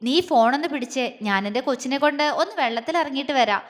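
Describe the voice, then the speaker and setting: Woman voicing a teasing young husband, mock grumpy, high voice w/ long hall echo. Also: animated, brisk, pushed and bright.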